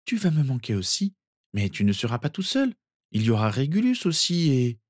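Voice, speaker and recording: A man reading a storybook and voicing a gentle, caring young girl who speaks in a soft, reassuring way. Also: medium pitch, wildly swooping pitch, normal speed, no room sound, clean studio sound, voice pushed up. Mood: soothing.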